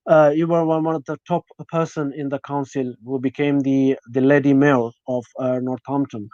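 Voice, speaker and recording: A male interview host with a fairly high voice. He talks in halting bursts, stopping and restarting often. The sound is dry and slightly muffled. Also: no echo. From Bangladesh. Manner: halting, many fillers and restarts. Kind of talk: casual interview chat.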